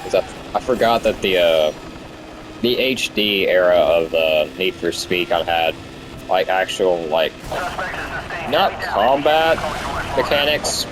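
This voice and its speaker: A young man with a low-pitched voice talks casually as he plays a game. He sounds like a stoner, rambling and losing his thread, and he drops swear words freely. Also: measured pace, background noise. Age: young adult. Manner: stoned, rambling and easily sidetracked. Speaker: gamer recording commentary. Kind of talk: casual gameplay commentary.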